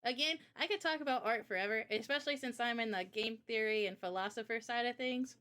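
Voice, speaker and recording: A woman with a somewhat high voice and a sharp tone talks fast in a casual livestream chat. She's a streamer and game developer, laying out her ideas in an informal, opinionated way.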